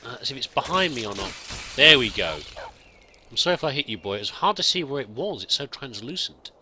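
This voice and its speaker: A let's play host comments on a roleplay game in a very bright, sharp voice whose pitch bounces lively up and down. He talks fairly quickly, musing aloud in a chatty way and reading out game text, with faint noise underneath.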